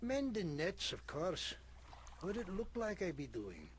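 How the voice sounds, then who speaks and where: A gruff old fisherman from a video game, grumbling and spinning yarns in salty sailor speech. His voice is soft and relaxing, pitched a little higher than most men's. Faint noise and ambience sit behind him. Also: wildly swooping pitch, measured pace, exaggerated voice. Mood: grumpy. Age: older. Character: gruff old sailor, grumpy storyteller mending nets. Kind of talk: video game character acting.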